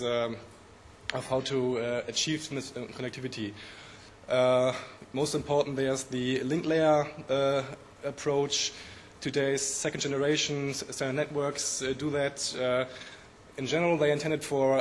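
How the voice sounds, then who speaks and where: A man with a croaky, hoarse voice from a flu, giving a technical conference presentation with many pauses and fillers. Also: mid-range voice, a little hiss or hum. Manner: halting, many ums and uhs. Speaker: conference speaker.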